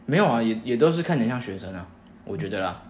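A man's voice: fairly low pitch, lively intonation, quick pace, darkish tone, slight background noise. A young man with a Taiwanese accent, chatting casually as a co-host. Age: young adult. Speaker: podcast co-host. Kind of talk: casual chat. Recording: roomy, echoing indoor sound.

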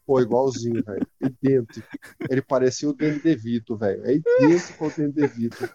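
A man in his thirties with a Brazilian Portuguese accent, telling slangy, animated stories as a podcast co-host. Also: medium pitch, a little fast, breathy edge, dull audio. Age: 30s. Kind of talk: casual chat.

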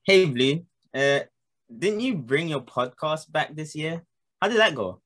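A man's voice: a little high, expressive, a little slow, fairly bright tone. A man co-hosting a casual podcast, teasing his guest with dry sarcasm. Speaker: podcast co-host.

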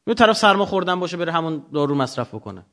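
A man's voice: a little high, very animated, fairly bright tone. A man lecturing off the cuff to students, didactic, often posing questions and answering them himself.

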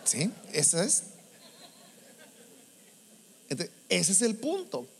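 Male preacher, high and very lively voice, echoing hall, mains hum. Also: takes it slowly, vocal fry. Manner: animated, rhetorical questions, acts out quoted voices. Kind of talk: sermon to a congregation.

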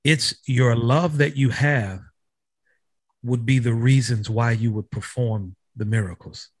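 Male podcast host, mid-pitched, slightly raspy, earnest teaching tone, dry close recording. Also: fairly even intonation, measured pace, no room sound. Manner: earnest, quotes scripture. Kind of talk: interview with scripture teaching.

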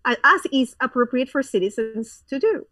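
A woman's voice: sits high, expressive, normal speed, bright, forceful tone, dry recording, recorded from a distance. A woman in her thirties from Colombia, a pastor, talking frankly as a guest in a casual interview, with lots of fillers and restarts.

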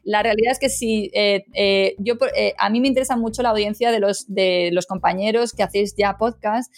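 A middle-aged woman talks as a guest on an interview podcast, a legal English teacher explaining her work. Her speech is loose and chatty, full of fillers and quick tag questions. Her pitch sits in an ordinary middle range. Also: fairly even intonation, no room sound. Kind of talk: casual interview chat.

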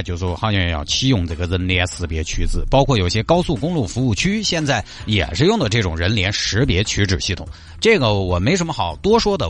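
A man with a Sichuan accent hosts a radio show, giving casual, colloquial commentary on the news and chatting directly to listeners. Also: sits low. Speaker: radio host.

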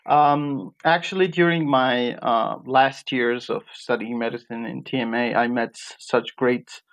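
A man's voice: medium pitch, fairly even intonation, measured pace, a bit bright. A young man from Iraq, raised in Jordan, answering interview questions with many fillers and restarts. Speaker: guest, medical graduate. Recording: dull lo-fi sound.

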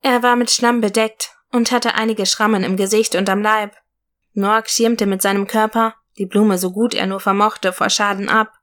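Female storyteller, steady read-aloud fairy tale narration, mid-pitched voice. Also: normal speed.

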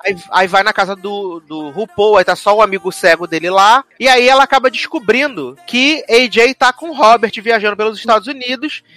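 A man with a Brazilian accent chatting casually as a host, retelling a series plot in an animated way and acting out the characters' lines. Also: high voice, a little fast, hardly any pauses, no echo, faint music behind. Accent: Brazilian Portuguese. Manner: animated storyteller acting out quotes. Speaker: podcast host reviewing a series. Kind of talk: casual chat.

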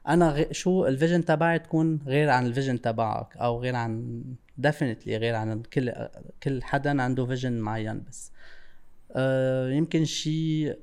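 A man's voice: medium pitch, normal speed, a little mellow, clear, resonant tone. A man with a Levantine Arabic accent from Lebanon, chatting casually as an interview guest, searching for words and often switching into English. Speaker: interview guest, creative stylist.

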